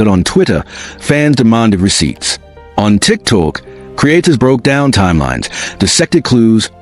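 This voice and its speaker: A man reading scripted commentary in short, clipped phrases that build suspense, speaking straight to his viewers. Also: fairly low pitch. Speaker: commentary narrator. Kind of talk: scripted dramatic narration.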